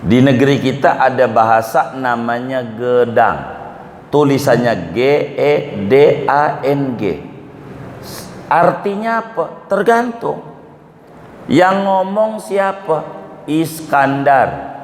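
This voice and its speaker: A man's voice: medium pitch, animated, slow, a little hiss or hum. A male religious teacher, giving an Islamic study lecture. He explains Arabic terms step by step and quizzes his audience. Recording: echoey hall with faint ambience.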